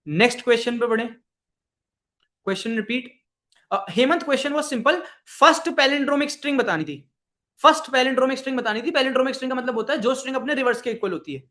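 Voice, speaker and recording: A man's voice: extremely high pitch, a little fast, pauses often, a bit bright. A man teaching a live online programming class, mixing English coding terms into his Hindi, repeating his phrases and quizzing the students. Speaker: programming instructor.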